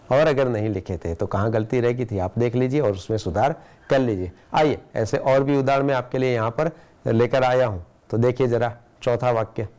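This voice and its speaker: A man with an Indian accent teaching a school language lesson, explaining patiently and reading example sentences slowly and deliberately. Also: mid-range voice, a little mellow. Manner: explains patiently, with rhetorical questions. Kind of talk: classroom lesson for students.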